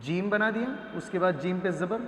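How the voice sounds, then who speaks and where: High-voiced man teaching, echoey room. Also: fairly bright tone, a little hiss or hum. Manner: patient, repeats sounds slowly, checks with "right?". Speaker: Quran reading teacher. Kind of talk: classroom lesson at a board. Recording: echoey room with long reverb.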